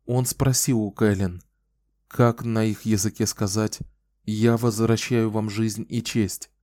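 A man reading an audiobook as narrator, with measured storytelling. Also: fairly low pitch, flat delivery, a little mellow, dry recording. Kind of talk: scripted narration.

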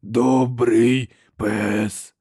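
A man's voice: mid-range voice, level tone, warm tone, slightly rough, no room sound, clean studio sound, heavily acted. A man playing a hulking, childlike brute. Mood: halting. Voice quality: harsh, cracked voice. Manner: slow, halting single words. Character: huge lumbering male creature, childlike, slow-witted.

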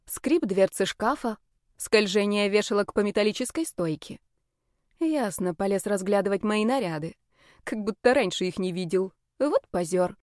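A woman narrating a first-person audiobook in a lively, wry, expressive way. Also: medium pitch, dry recording, clean studio sound. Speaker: audiobook reader.

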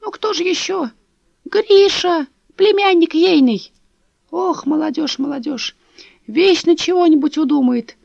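A woman's voice: extremely high pitch, creaky, darkish tone, dry recording, voice pushed up, full character voice. Woman doing a fussy chattering old granny. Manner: chattering, wheedling, repeats herself. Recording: dull lo-fi dry recording.

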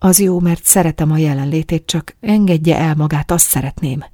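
A woman voicing a soft-spoken, courteous male lover in an audiobook, speaking low and hushed. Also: dry recording, clean studio sound. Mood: hushed, pleading. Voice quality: husky, hushed. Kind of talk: audiobook reading.

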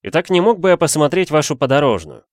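A man's voice: fairly high pitch, very animated, fast, no echo, clean studio sound, voice pushed up. A man doing a fawning gallant detective. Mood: businesslike. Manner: florid, fawning, theatrical. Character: fawning flowery male police detective, shameless gallant. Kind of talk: audiobook character voice.

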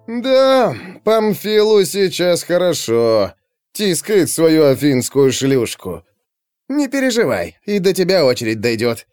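A man's voice: on the high side, sing-song, slow, a little mellow, smooth, dry recording, soft background music, voice pushed up. A man voicing a crude, mocking young conspirator who grumbles and jeers.

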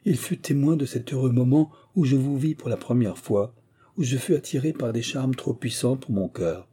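A man's voice: mid-range voice, moderate pace, dark tone, husky, voice pushed up, lightly acted. A man reading a lovesick young suitor. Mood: pleading, ardent.

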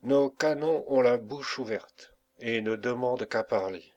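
A man's voice: medium pitch, a little slow, a little mellow, muffled recording, natural voice. A man reading the part of a fiery pirate captain who rouses his crew and barks orders. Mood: rousing speech. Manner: rousing, barking orders.

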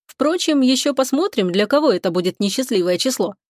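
A woman narrating a science fiction audiobook chapter in an even, measured storytelling voice. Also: high voice, no echo, clean studio sound.

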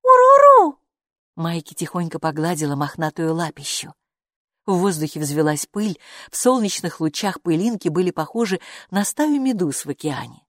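A woman narrating a children's story in a playful, expressive storybook manner. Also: fairly low pitch, normal speed, dry recording, clean studio sound. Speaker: audiobook narrator.

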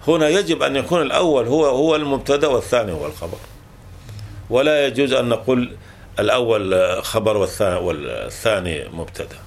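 A man's voice: mid-range voice, expressive, fairly quick. A man teaching a classical grammar text, explaining patiently and restating each rule several times with small self-corrections.

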